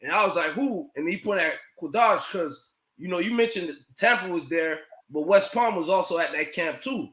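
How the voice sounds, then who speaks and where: A man telling a story in casual chat, animated and swearing, acting out what others said. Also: high voice, moderate pace, few pauses. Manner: animated, swears, acts out quoted dialogue. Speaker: podcast guest telling a story. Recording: echoey room.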